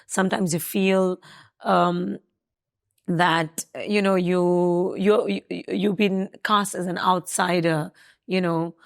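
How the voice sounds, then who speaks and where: A woman's voice: lowish voice, flat delivery, slow pace, vocal fry. A woman in her thirties from South Africa, talking casually as an interview guest, hesitant with many fillers and restarts.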